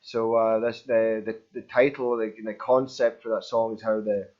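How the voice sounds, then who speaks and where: A man's voice: lowish voice, flat delivery, moderate pace. Rambling man with a mild Scottish accent. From Scotland. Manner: rambling, repeats words, laughs easily. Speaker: band front man. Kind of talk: casual interview chat. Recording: dull lo-fi sound.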